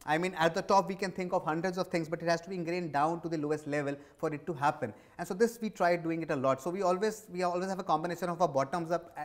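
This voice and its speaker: With a fairly high pitch and fairly even intonation, a man in his forties talks at a quick pace with hardly any pauses. His accent is Indian, and he answers interview questions conversationally as a business executive, using emphatic repetition. The setting is an indoor office lounge set, recorded on a lapel mic.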